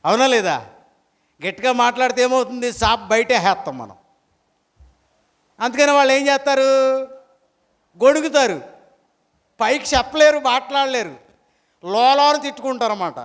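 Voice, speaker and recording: Man, pastor, animated sermon, rhetorical questions, fairly high voice. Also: normal speed, pauses often, in a large hall.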